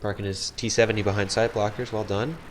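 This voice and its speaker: A man with a low voice calls a strategy game match on his own, relaxed and chatty, thinking out loud and second-guessing his calls. Loud gunfire and artillery from the game sound behind him throughout. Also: quick pace, a little hiss or hum. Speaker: game caster. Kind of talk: solo esports play-by-play commentary.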